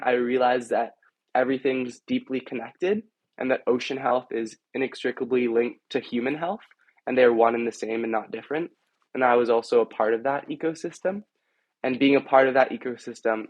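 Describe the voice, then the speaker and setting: A man's voice: medium pitch, no echo, poor audio. A young man, a student, telling a personal story in an earnest, heartfelt way. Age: young adult. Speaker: student panelist.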